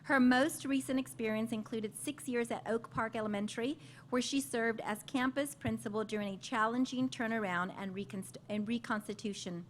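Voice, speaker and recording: A woman's voice: a little high, slight background noise. A woman moderating a university panel, reading guest introductions and asking questions in an upbeat way. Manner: warm, upbeat praise of guests.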